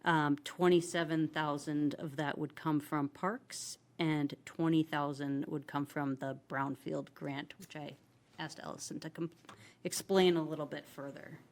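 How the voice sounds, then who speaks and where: A woman, an assistant city administrator, presenting agenda items at a city council meeting in a halting way, with many filler ums and restarts. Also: low voice, steady tone, darkish tone.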